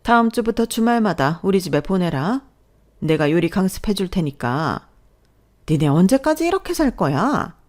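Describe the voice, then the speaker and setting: A woman voicing a domineering older mother-in-law who scolds loudly over the phone in a radio story. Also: fairly low pitch, big pitch swings, moderate pace. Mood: demanding. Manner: scolding, shouting.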